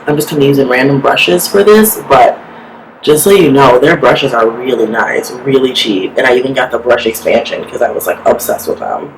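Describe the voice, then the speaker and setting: A woman's voice: extremely low pitch, moderate pace. A woman beauty vlogger talking through a makeup tutorial in a chatty, casual way, with lots of "like" fillers. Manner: chatty, filler-heavy, says "like" often. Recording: steady background hiss.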